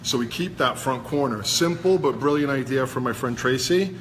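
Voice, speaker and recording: A man's voice: medium pitch, lively intonation, moderate pace. Man with a Brooklyn accent, informal hairdresser. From New York, USA. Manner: informal, explains step by step while working. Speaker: hairdresser demonstrating a cut. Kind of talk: casual live demonstration. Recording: noisy busy salon background.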